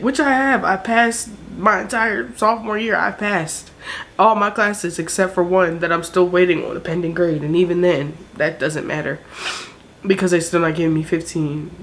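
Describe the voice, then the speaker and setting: Here the vlogger's voice sits fairly low with a fairly bright tone, on a rough recording with slight background noise. She's a weary, tearful twenty-something from South Jersey, accent and all, swearing freely as she unloads her struggles to the camera.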